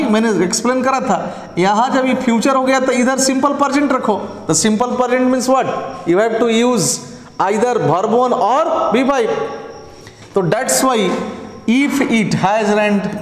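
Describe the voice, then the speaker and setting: A male English teacher going through exam answers step by step, mixing Hindi and English and often asking if it is clear. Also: high voice, slight background noise. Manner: speaks slowly and deliberately, dictating; switches between Hindi and English. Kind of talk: exam prep lesson explaining grammar answers. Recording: echoey room with long reverb.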